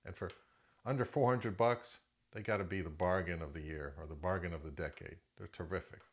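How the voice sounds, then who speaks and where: A middle-aged man with a fairly low voice reviews audio gear casually, sharing his opinions freely as though chatting with viewers. He talks fairly quickly.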